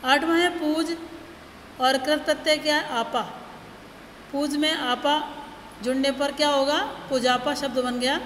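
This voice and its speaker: A high-voiced woman teacher talks slowly through a grammar lesson, reading out each word with care. Her voice rings around an echoey room with a long reverb tail, over faint background noise. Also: fairly even intonation, fairly bright tone. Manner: slow, deliberate, lists words one by one. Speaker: school teacher.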